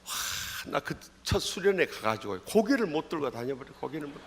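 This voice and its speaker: A middle-aged male pastor from Jeolla with a Jeolla accent, preaching a sermon in an animated storytelling manner, swinging between loud calls and low asides in a church. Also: normal speed, slight background noise. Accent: Jeolla Korean. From Jeolla, South Korea. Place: church sanctuary.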